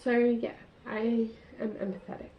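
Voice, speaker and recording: A woman's voice: on the high side, little pitch movement, measured pace, warm tone. A woman hosting a casual solo podcast, chatting with lots of "like" fillers and laughing at herself, recorded on a tablet's built-in mic. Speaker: podcast host. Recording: roomy, dull tablet recording.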